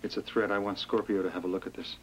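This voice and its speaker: A man's voice: on the low side, little pitch movement, fast, a little hiss or hum, lightly acted. An actor playing a firm, protective man who takes charge of a threat in a 1980s daytime soap. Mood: concerned. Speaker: worried father in a soap opera. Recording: voice from some distance.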